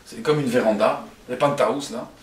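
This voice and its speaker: A man telling a story to an audience in an animated way, laughing often. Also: medium pitch, moderate pace. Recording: roomy, from a distance.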